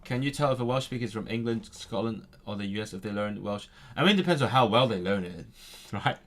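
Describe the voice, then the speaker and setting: Studying languages live on stream, this young man talks fast and animatedly in a fairly low voice. His casual chat is full of self-interruptions as he reads out practice words and says them again and again.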